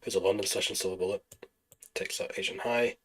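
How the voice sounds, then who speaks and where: A man streaming live trading, talking through charts and answering chat questions in a relaxed, explanatory way. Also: low voice, fast talker, rough recording. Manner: relaxed, explanatory, thinking aloud over charts.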